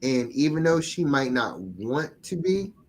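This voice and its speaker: A man chatting casually on a podcast, animated and swearing freely. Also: mid-range voice, unhurried. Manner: animated, swearing, acts out quotes.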